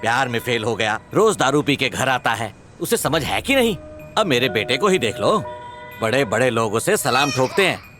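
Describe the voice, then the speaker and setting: A man's voice: mid-range voice, very animated, moderate pace, over music, close to an everyday voice. A man playing a smug boastful neighbour. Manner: boastful, condescending. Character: boastful middle-aged neighbour, smug and nosy. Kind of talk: Hindi film dub acting.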